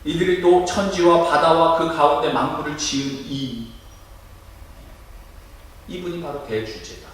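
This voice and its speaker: A male pastor preaching a sermon in a church, lively and demonstrative, acting out loud cries to make his point. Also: fairly high pitch, unhurried, pauses often, a little hiss or hum. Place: church sanctuary. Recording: echoey room, mic at a distance.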